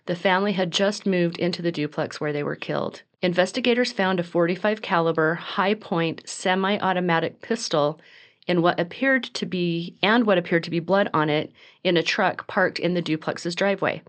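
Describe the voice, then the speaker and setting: Podcast host, woman, lowish voice; scripted true crime narration, reads from notes and corrects herself now and then. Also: moderate pace. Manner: reads from notes with small slips and restarts.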